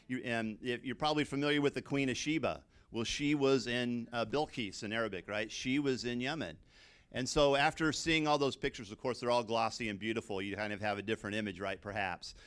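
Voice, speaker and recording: A middle-aged English teacher from suburban America, speaking with an American accent, tells personal stories to an audience, conversational and full of asides. His medium-pitched voice is steady, fairly quick, fairly bright, clear, and resonant.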